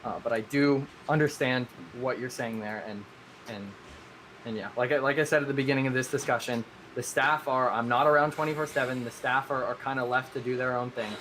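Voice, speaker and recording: A man's voice: mid-range voice, fairly even intonation, fairly quick, a bit bright. Earnest rambling man, faint hiss. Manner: earnest, rambling, self-correcting with many restarts. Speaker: game server owner. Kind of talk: live-streamed discussion.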